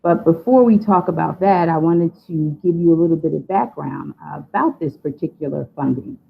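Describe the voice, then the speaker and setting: A woman's voice: low voice, moderate pace, creaky, a little hiss or hum. A woman guest speaker talking off the cuff about funding over a video call, hesitant and full of fillers. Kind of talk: unscripted presentation. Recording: tinny phone-like audio.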